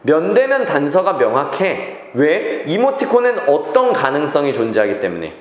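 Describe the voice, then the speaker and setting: A man's voice: on the high side, wildly swooping pitch, normal speed, highs cut off. A man teaching an English reading class, checking in with students and repeating key phrases. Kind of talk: classroom lecture. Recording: echoey classroom reverb.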